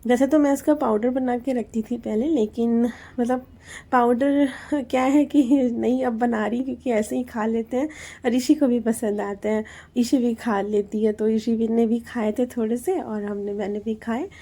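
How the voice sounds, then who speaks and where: A woman in her thirties with a Hindi accent narrates her household routine as a casual voice-over. Her voice sits a little high but sounds soft and mellow. She chats along easily and explains each step with plenty of fillers. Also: steady tone, normal speed. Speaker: homemaker vlogger.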